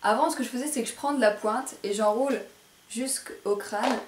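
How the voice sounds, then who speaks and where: Talking to camera from a room at home, a woman gives a relaxed, chatty hair tutorial, a bit careful and self-conscious in her speech. She speaks at a moderate pace in a slightly high voice, with faint background noise and a roomy echo.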